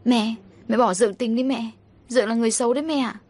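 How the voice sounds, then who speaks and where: A woman's voice: on the high side, fairly even intonation, quick pace, a little mellow, lightly acted. A woman doing a frightened pleading girl. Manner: pleading, tearful, hesitant. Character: frightened young daughter pleading.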